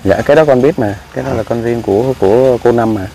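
A man, hosting a casual outdoor chat and politely nodding along with frequent soft assent. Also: mid-range voice, quick pace, a little hiss or hum, poor audio. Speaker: host. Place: outdoors in a rural yard.

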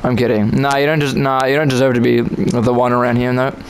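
A man's voice: medium pitch, level tone, a little fast, slight background noise, poor audio. A man giving casual, jokey commentary on his own gameplay, chatting to himself and to other players.

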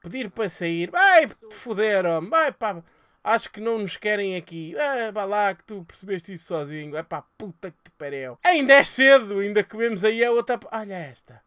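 A young man with a European Portuguese accent, giving crude, excitable let's play commentary and swearing often as he plays. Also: sits high, moderate pace, smooth, no echo, clean studio sound. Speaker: gaming streamer.

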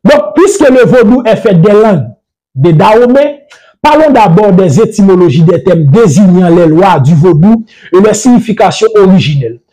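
A man with a notably high voice lectures in a careful, teacherly way. He moves from point to point with steady linking words, and he slows down to spell out terms one by one. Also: low-quality recording. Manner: methodical and didactic, strings points together with frequent "donc"; slow deliberate spelling-out of word lists. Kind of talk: spoken lecture on language and religion.

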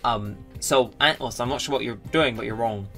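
A man's voice: mid-range voice, fast talker, vocal fry, pushed and bright, faint music behind. A man giving casual, rambling commentary as he plays a game, often correcting himself and reading the on-screen text aloud. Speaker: let's play gamer.

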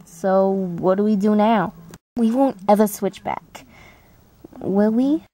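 A woman's voice: mid-range voice, slow, dark tone, no echo, pitched below the performer's own voice, lightly acted. Woman acting a whiny teen monster girl with braces. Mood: exasperated. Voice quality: talking with braces. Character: aggrieved, bickering teenage monster girl, a little sister. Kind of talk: amateur cartoon audition reading.

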